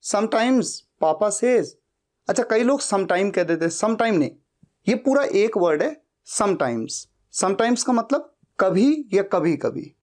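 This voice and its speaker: A young man whose first language is Hindi teaching spoken English, explaining in Hindi and saying each English sentence slowly and carefully. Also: sits high, expressive, darkish tone.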